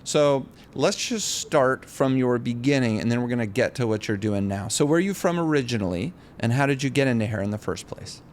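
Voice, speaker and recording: A man's voice: mid-range voice, lively intonation, a little fast, hardly any pauses, slight background noise. Reflective man hosting a hair podcast. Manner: reflective, rambling, restarts phrases. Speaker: podcast host. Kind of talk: casual podcast interview.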